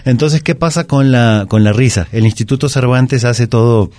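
Un hombre con acento mexicano, invitado experto en lengua, que explica reglas de ortografía en la radio con calma y tono didáctico. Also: male voice, medium pitch, normal speed, no echo. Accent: Mexican Spanish. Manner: patient, didactic. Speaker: language expert guest. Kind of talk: explaining spelling rules on radio. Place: radio booth. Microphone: studio microphone.

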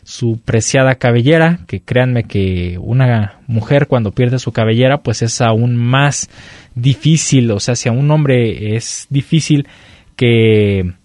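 A man with a Mexican accent hosts a lucha libre show, presenting the match card conversationally and pausing as he finds his words. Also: mid-range voice, darkish tone, dry recording, clean studio sound.

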